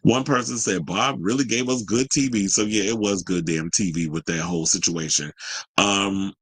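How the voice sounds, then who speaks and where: A man's voice: lowish voice, moderate pace, a bit bright, husky, dry recording, rough recording. A man giving casual reaction commentary in a colloquial way, retelling what people said and acting out their quotes. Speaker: commentator recapping a reality show and reading viewer reactions.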